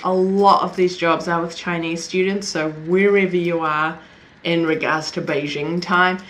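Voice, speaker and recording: Lowish, steady, and unhurried, this is the voice of a young Kiwi-accented woman from New Zealand. She vlogs to camera in relaxed, chatty talk, laughing often and adding self-deprecating asides.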